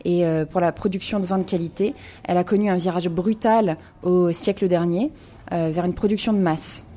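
Woman, wine columnist, low pitch, dark mellow tone, hesitant informative delivery. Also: fairly even intonation, moderate pace. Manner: informative, many hesitations with euh. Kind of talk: radio wine segment, partly read.

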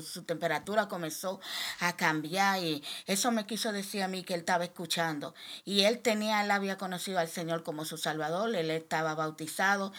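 Middle-aged woman telling her story, stops and restarts, gets high and loud when she pleads. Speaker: guest sharing testimony. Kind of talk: emotional personal testimony.

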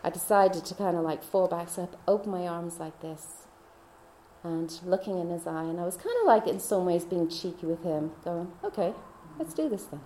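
A woman telling a personal faith story in a chatty way, laughing often and dropping into soft whispers. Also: on the low side, moderate pace, echoey room, slight background noise. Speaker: speaker.

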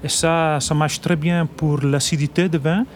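Italian winemaker, male, accented non-native French, halting and searching for words, voice a touch high. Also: level tone, a little hiss or hum. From Italy. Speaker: winemaker guest. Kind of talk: radio interview.

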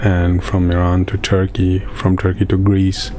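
A man from Afghanistan, giving halting personal testimony in an interview, with many pauses and restarts. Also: low voice, monotone, mellow. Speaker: interviewee, refugee in a camp.

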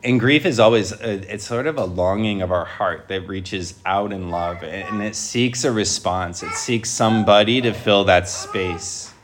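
Male priest, lowish pitch, church preaching and scripture reading, deliberate phrasing, addressing a congregation. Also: a little hiss or hum. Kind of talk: Gospel reading and homily to a congregation. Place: church, speaking before a congregation.

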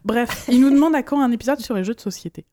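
Mellow-voiced woman podcast host. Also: a little high, fast talker, no echo. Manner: reads listener mail, rambling with fillers. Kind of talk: casual chat.

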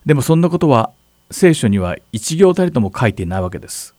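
A man serving as pastor, calmly explaining scripture in a Bible question-and-answer talk. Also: medium pitch, quick pace, no room sound, studio quality. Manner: calm, explanatory, asks partner to read verses. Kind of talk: Bible Q&A teaching.

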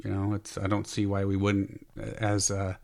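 A man hosting a podcast in casual chat, halting and repeating words as he goes. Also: on the low side, monotone, a little mellow. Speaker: podcast host.

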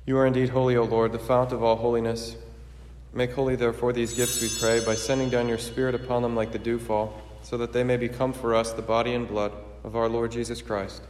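Man, priest at the altar, solemn liturgical prayer, even intonation, measured and formal, long cathedral echo. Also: medium pitch, slight background noise. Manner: measured, reverent, formal recitation. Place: large echoey church.

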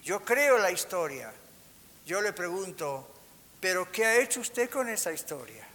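A pastor preaches with a high, bright voice, putting rhetorical questions to his listeners. His voice rings out through a reverberant hall over a faint hiss. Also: big pitch swings, measured pace. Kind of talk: sermon. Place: church hall.

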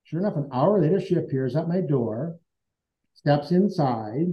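A man's voice: fairly high pitch, animated, moderate pace. A man being interviewed as a guest, telling a personal story in an earnest, conversational way and acting out remembered dialogue. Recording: dull lo-fi sound.

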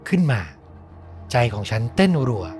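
A man telling a horror story on a podcast in a measured voice that sinks low and hushed at the tense parts. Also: faint music behind. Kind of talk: scripted horror narration.

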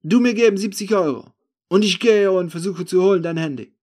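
A man's voice: sits high, a little fast, darkish tone, voice pushed up. A man doing a nervous shifty street thief. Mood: haggling. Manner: broken German, agitated and pleading.

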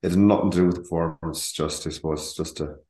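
A man speaking hesitantly and haltingly in a casual sports discussion. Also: deep voice, fairly even intonation, mellow. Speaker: football podcast panellist. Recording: echoey room.

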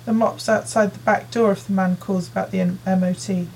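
A woman reading as a brisk nagging mum. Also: mid-range voice, steady tone, creaky, darkish tone, a little hiss or hum, natural voice, poor audio. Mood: bossy. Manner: nagging, brisk, giving lists of chores. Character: busy, fussing working mother in her forties. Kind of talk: audiobook character voice.

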